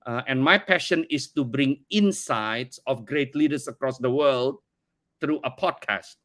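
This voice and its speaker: A man's voice: mid-range voice, unhurried, a bit bright. Earnest Indonesian-born middle-aged man. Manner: earnest, repeats words while searching for phrasing. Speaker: company CEO, podcast guest. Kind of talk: conversational interview.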